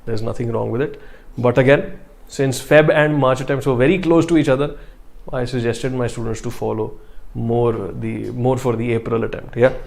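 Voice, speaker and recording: Male online teacher, North Indian accent, mid-pitched voice, casual live-class delivery with Hindi asides and quick check-ins to students. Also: fairly even intonation, gravelly, darkish tone. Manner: mixes Hindi phrases into English; addresses students directly with short check-ins. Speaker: online exam-prep chemistry teacher.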